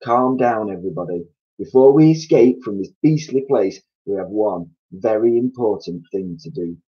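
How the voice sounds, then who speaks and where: A man's voice: lowish voice, expressive, moderate pace, muffled recording, lightly acted. A man voicing a father monkey who steadily leads his family. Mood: calming. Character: father monkey, calm and clever leader.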